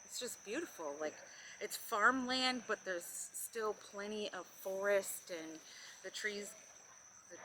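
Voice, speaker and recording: A woman's voice: medium pitch, slow, sharp tone, slight background noise, rough recording. A woman co-hosting a motorcycle vlog, chatting casually in an outdoor recording. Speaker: motovlog co-host. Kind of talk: casual chat.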